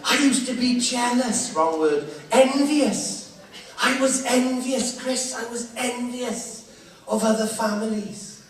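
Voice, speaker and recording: A man's voice: extremely high pitch, takes it slowly. Man, stand-up comedian, wistful storytelling, audience banter, distant mic, echoey hall. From Carmarthen, West Wales. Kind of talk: live stand-up set. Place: large live venue. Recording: echoey hall from far, loud crowd.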